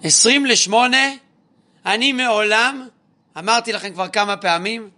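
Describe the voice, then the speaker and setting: A man giving a religious talk as a rabbi, animated, asking rhetorical questions and speaking directly to his listeners with advice. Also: high-pitched. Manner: animated, asks the audience rhetorical questions and acts out parents. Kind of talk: spoken religious lecture on parenting.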